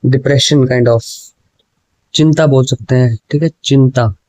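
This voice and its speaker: A man's voice: medium pitch, steady tone, darkish tone, dry recording, highs cut off. Man teaching English exam questions in Hindi. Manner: explains in Hindi with English words, often says "ठीक है" and "भाई"; reads exam sentences slowly, word by word.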